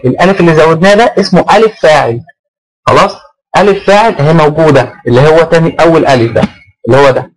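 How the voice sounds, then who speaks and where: Fast-talking Egyptian male teacher. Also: on the high side, poor audio. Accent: Egyptian Arabic. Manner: repeats key phrases and asks the class rhetorical check-in questions; voices pupils' questions, then answers them. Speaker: Arabic grammar teacher. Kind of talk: online class lecture.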